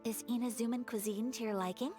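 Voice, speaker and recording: A woman's voice: on the high side, fairly even intonation, brisk, natural voice. A woman voicing a refined, earnest young noblewoman in a game, speaking in a formal and polite way. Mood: gracious. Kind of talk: game character dialogue. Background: game music.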